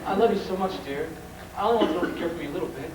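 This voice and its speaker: An actor playing a shy, gentle young tutor courting tenderly, hesitant and stammering, in old-time radio drama style. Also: male voice, fairly high pitch, racing, lightly acted. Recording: echoey distant old recording with loud hiss.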